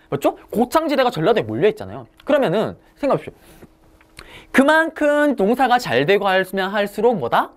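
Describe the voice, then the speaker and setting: A woman giving an exam-prep history lecture, asking the class questions and answering them herself. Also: a little high.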